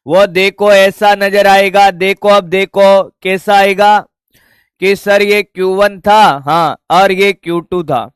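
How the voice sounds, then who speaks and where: A man with a high, smooth voice teaching physics at an unhurried pace. He keeps firing questions at the class and answering them himself, with a casual, familiar way of addressing the students. The sound is dry and close. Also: steady tone, no echo. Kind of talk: physics lesson.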